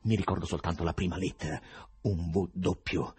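A man voicing a frantic young male poet who shouts and raves, with a husky voice. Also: sits low, steady tone, normal speed. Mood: agitated, muttering. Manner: shouting, agitated.

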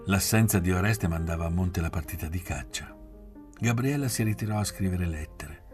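A man reading a novel aloud in a measured, restrained way, often sinking to a near-whisper. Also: deep voice, darkish tone, faint music behind. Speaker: audiobook reader. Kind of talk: literary audiobook narration.

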